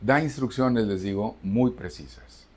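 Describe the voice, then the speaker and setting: A man's voice: lowish voice, unhurried, a little mellow. A man from Cuba, a pastor preaching a sermon to his congregation and stressing points through repetition. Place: church service.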